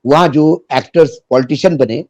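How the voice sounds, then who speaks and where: Mellow-voiced sarcastic male commentator. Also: a little high, normal speed, no room sound, lo-fi sound. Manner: biting, sarcastic, tells jokes and anecdotes. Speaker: political commentator guest. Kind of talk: sarcastic political discussion.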